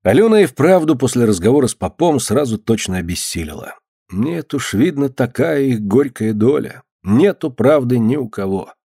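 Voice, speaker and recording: A male audiobook narrator reading a story in an even, measured manner. His pitch sits in the middle range. The recording is dry and close. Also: husky, dry recording.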